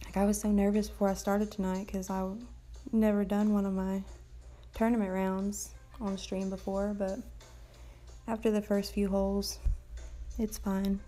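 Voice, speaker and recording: A woman's voice: medium pitch, flat delivery, normal speed, dark tone, faint music behind. A woman casually chatting and commenting while livestreaming a mobile game, rambling and swearing now and then, her voice tired late at night. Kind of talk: casual live gameplay commentary.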